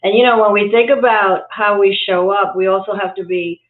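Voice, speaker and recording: Fairly quick and steady in tone, a medium-pitched woman raised in Cuba and New York City shares thoughtful remarks as a guest executive coach in a livestream interview. Fillers and restarts are frequent, and the video-call sound is echoey and phone-like.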